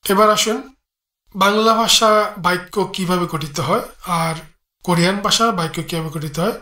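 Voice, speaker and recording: Bright-voiced man teaching in an echoey room. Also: high-pitched. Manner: measured, spells out sounds one by one. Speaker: language teacher. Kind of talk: read-aloud grammar lesson.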